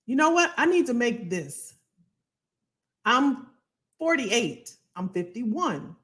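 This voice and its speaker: A woman hosting a casual livestream as a financial coach, animated and colloquial, repeating phrases for emphasis. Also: fairly high pitch, slow pace. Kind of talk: casual livestream talk to viewers.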